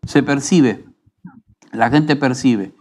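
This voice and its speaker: Argentine pastor teaching in an unhurried tone. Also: male voice, medium pitch, a little mellow. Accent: Rioplatense Spanish. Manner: unhurried, teaching tone with frequent rhetorical tag questions. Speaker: pastor and radio program host. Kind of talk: conversational preaching.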